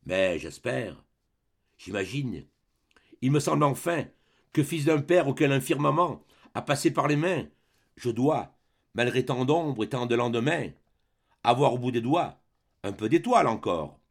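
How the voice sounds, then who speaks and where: A man reading the part of a sad, sickly young exiled prince, lower and softer, brooding through verse in a dramatic reading of a play. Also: expressive, unhurried, long pauses. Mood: wistful.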